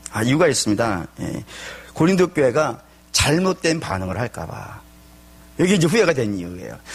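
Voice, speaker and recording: Animated husky-voiced male pastor. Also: a little high. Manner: animated storytelling, rhetorical questions. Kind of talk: sermon.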